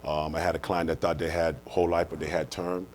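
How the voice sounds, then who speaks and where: He's a life insurance manager from the United States, born and raised, giving earnest, explanatory answers in an interview and restating himself often. His voice sits low with little pitch movement, brisk and slightly mellow. Slight background noise can be heard.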